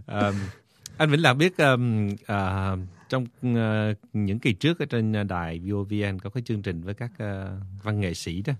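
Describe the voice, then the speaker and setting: Lower-voiced man. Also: normal speed, no room sound. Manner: storytelling, many hesitations and fillers. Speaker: lawyer guest. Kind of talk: radio talk show conversation.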